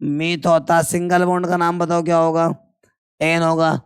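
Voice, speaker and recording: Guy teaching chemistry, keeps quizzing the kids and answering himself, clean smooth voice, dry close sound. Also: on the high side, little pitch movement, moderate pace, dry recording. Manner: quizzes students and answers himself, calls them "beta". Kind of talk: classroom lecture.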